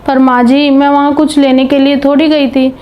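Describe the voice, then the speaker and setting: A woman's voice: high-pitched, little pitch movement, moderate pace, lo-fi sound, natural voice. A woman playing a young, newly married daughter-in-law in a family drama. She talks to her mother-in-law in an earnest, chatty way. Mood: hurt. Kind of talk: scripted home video family drama. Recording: background music under dialogue.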